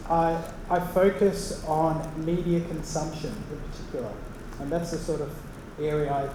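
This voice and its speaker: A man with an Australian accent, an associate professor speaking to an open-house audience in a measured way, with frequent ums. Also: on the high side. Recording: very echoey hall with background noise.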